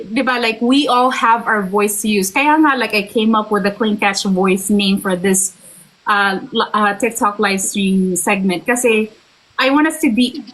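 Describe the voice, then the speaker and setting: A woman's voice: a little high, fairly bright tone, low-quality recording. Chatty woman host. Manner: mixes Filipino and English, chatty with many fillers. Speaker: livestream host. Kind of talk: casual livestream interview.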